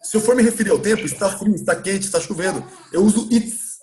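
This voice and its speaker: A Brazilian man with a notably high-pitched voice leads a live English lesson. He explains patiently and drags out words slowly so that listeners can copy the pronunciation. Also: lively intonation, darkish tone. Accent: Brazilian Portuguese. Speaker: English teacher. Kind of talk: live online class recap.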